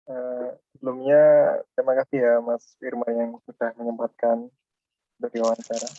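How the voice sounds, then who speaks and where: A man asks polite, halting questions over a video call. His voice keeps breaking up on a bad connection, with a flat, even pitch. The call audio sounds dull and lo-fi, and it is dry with no room echo. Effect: choppy, breaking-up call connection. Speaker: student interviewer. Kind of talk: online interview question.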